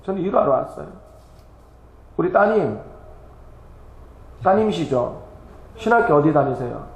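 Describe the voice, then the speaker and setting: Man, missionary giving an emotional church report; higher pitch, echoey sanctuary. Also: a little slow, lo-fi sound. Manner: animated, laughing and tearful, exclaiming.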